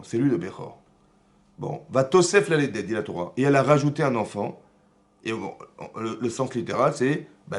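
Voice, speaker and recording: A man, a rabbi, teaching a lively Torah class in a synagogue, telling the story with energy and often checking in with his listeners. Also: medium pitch. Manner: animated storyteller who keeps checking in with the audience; acts out dialogue between biblical figures.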